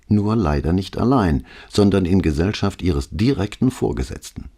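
A man narrating a crime novel in a measured, expressive reading. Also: low-pitched, breathy edge. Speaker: audiobook narrator.

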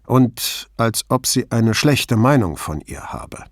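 A man's voice: medium pitch, sing-song, takes it slowly, no room sound, studio quality, full character voice. A man voicing a polite, curious male police commissioner in an audiobook, asking probing questions. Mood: careful.

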